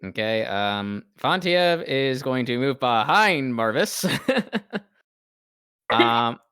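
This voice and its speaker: A man's voice: mid-range voice, lively intonation, slow, sharp tone, clear, resonant tone. A man playing a tabletop game in casual conversational role-play.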